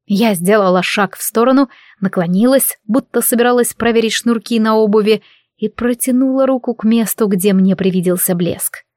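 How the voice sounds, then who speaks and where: A woman narrating a novel in the first person, with steady, engaged storytelling. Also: a little high, moderate pace, no room sound, studio quality. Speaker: audiobook narrator.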